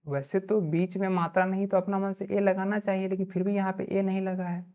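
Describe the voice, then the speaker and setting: A woman's voice: mid-range voice, flat delivery, a little fast, warm tone. A woman with a Bihari Hindi accent teaching an online grammar lesson. She spells words out letter by letter and asks questions, then answers them herself. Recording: dull lo-fi sound.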